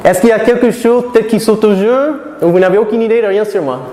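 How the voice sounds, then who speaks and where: A high-pitched, mellow male voice belongs to a middle-aged American lecturer, a native English speaker. He talks live to students at a conference, asking lots of questions and restarting his sentences. Long reverb from the echoey lecture hall surrounds him.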